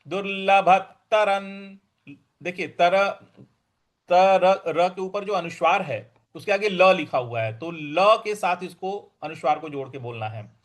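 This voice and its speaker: A man teaching a scripture lesson, reciting verses in a slow chant and explaining each word with careful repetition. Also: fairly high pitch. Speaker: Gita teacher.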